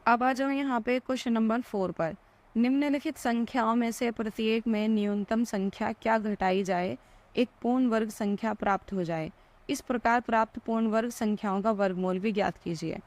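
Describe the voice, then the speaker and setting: A woman's voice: on the high side, fairly even intonation, moderate pace, a little mellow. A woman teaching maths, asking questions and answering them herself as she explains each step.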